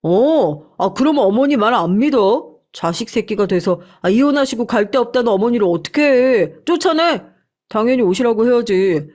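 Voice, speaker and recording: A woman's voice: a little high, animated, moderate pace. A woman doing an angry blustering husband. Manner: blustering, shouting back. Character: angry defensive husband, middle-aged man.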